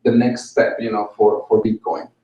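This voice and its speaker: A middle-aged man with a low-leaning, mellow voice gives an informal course lecture at a moderate pace with little rise and fall in pitch. He fills his sentences with "like" and "you know." The lo-fi recording, made by a distant camera in an indoor venue room with a small stage, carries a roomy echo.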